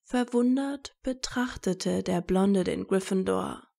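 A woman with a creaky, mid-range voice narrates scripted romantic fiction, telling the story in a soft, measured way.

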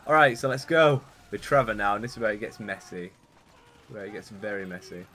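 A man's voice: lowish voice, brisk, slight background noise. A young man giving casual, rambling commentary while playing a video game. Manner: chatty, rambling, excitable when things go wrong. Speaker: gaming YouTuber.

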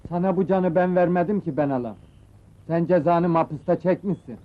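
An actor playing a proud, stern village avenger, in a dull old film soundtrack with music behind. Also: male voice, fairly high pitch, fairly quick, a little hiss or hum, natural voice. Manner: stern, forceful declarations. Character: proud village avenger turned merciful, man.

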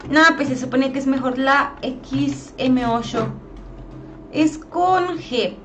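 A woman's voice: high voice, takes it slowly, slight background noise. A young woman with a Mexican Spanish accent streaming a game, chatty and playful as she greets viewers by name. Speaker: gaming streamer. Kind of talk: live-stream commentary, greeting chat.

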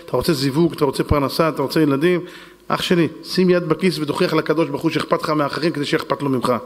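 A male rabbi with a high voice pleads and presses his congregation, repeating his appeal over and over. His words ring out with long reverb in a synagogue hall. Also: fairly even intonation. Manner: insistent, pleading, repetitive. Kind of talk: fundraising sermon appeal. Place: synagogue hall with women's section.

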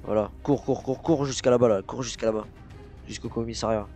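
A man's voice: medium pitch, steady tone, brisk, mellow, faint music behind, lightly acted. A man voicing a scheming youtuber in a Minecraft role-play, bossing and threatening in casual slang. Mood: bossy. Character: scheming male youtuber framing a friend.

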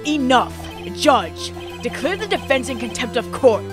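A woman's voice: sits high, sing-song, unhurried. A woman voicing an arrogant older male prosecutor, cold and imperious, with a haughty, clipped delivery. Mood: commanding. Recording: game music playing behind.

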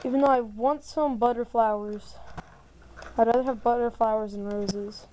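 High-voiced excitable girl gamer. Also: normal speed, a little hiss or hum, rough recording. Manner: excitable, repeats herself, playful. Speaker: gaming channel host. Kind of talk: casual gameplay commentary.

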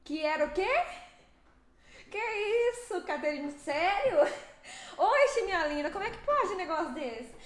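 A young Brazilian woman streaming a driving game, chatting with viewers in a lively, fast way and laughing often. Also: extremely high pitch, reverberant. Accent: Brazilian Portuguese. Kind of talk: live stream chat with viewers.

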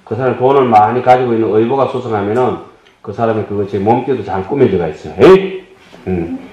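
A man's voice: lowish voice, fairly quick, mellow. Man lecturing. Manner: explanatory, asks the audience questions, folksy humor. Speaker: Buddhist lecturer. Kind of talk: dharma lecture to a congregation. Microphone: table microphone. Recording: dull echoey hall audio.

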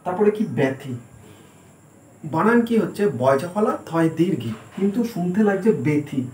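A man's voice: high voice, lively intonation, fairly quick, darkish tone, a little hiss or hum. A man giving a spelling lesson at a board, asking questions and answering them himself as he spells words out letter by letter. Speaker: teacher. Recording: echoey room.

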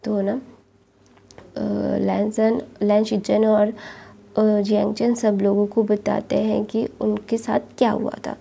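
A soft-spoken woman casually retelling a romance story, chatty and looping back with the same linking phrases. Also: medium pitch, level tone, takes it slowly, gravelly, husky.

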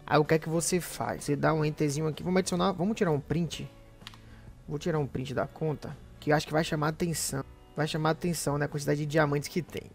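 A man's voice: on the high side, creaky. A young man with a Bahian Brazilian accent chatting casually and informally with his viewers as a gaming YouTuber. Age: young adult. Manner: informal, slangy, addressing viewers as buddies. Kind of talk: casual gamer vlog chat. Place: small home gaming room. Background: background music.

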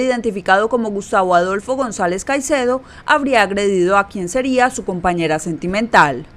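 A woman from Colombia reading a scripted regional news summary in a measured, formal newsreader delivery. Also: mid-range voice. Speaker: news presenter.

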